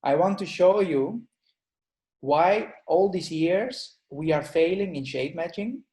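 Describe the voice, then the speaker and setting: A man's voice: fairly high pitch, takes it slowly, warm tone. A man who grew up in the Netherlands, a dental technician giving a webinar lecture in a plain manner and often restarting words. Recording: roomy echo.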